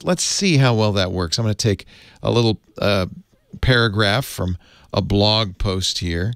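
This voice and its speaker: Male tutorial host, easygoing and chuckly; animated pitch, dry sound. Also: no room sound. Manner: chatty, chuckles often, easygoing explaining. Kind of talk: casual tech tutorial.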